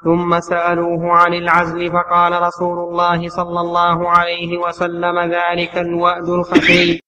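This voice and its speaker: A male student reading a written text aloud in class, in a steady recitation. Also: sits high, normal speed, rough recording.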